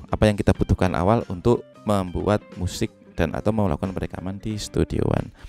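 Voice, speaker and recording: A man walks through recording software in a relaxed, step-by-step way, pausing on little fillers. His voice sits low and mellow. It is recorded on a studio microphone in a home setup, with faint music behind. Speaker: music production tutor. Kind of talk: software tutorial. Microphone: studio microphone into a sound card.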